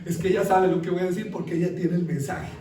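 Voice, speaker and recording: A male pastor preaching a sermon, telling a funny personal story in an animated way. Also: high voice, quick pace, a loud crowd. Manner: animated storyteller, audience laughing along. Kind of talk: sermon with humorous personal anecdote. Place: church hall. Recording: echoey church from far off with congregation.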